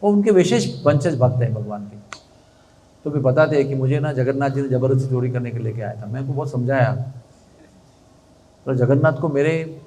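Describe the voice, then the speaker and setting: A man telling a devotional story as a sermon, animated and chatty, with asides to his listeners. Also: mid-range voice, normal speed, pauses often. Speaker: religious storyteller.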